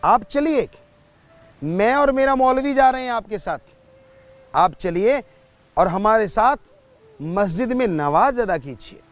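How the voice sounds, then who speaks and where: A man's voice: high-pitched, animated, slow, pauses often. A man telling a story voices a proud king who gives commands and questions sharply. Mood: commanding. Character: proud demanding old-time king.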